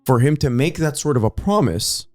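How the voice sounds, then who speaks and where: A man's voice: medium pitch, very animated, moderate pace, a little mellow, dry recording. A man co-hosting a casual history podcast, pressing his argument with pointed questions and often cutting in. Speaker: podcast co-host.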